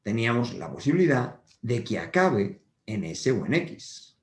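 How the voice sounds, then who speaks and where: A man's voice: mid-range voice, very animated, measured pace. A man giving a patient whiteboard grammar lesson to schoolchildren, repeating each point and checking in often. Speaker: primary school teacher. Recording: roomy echo.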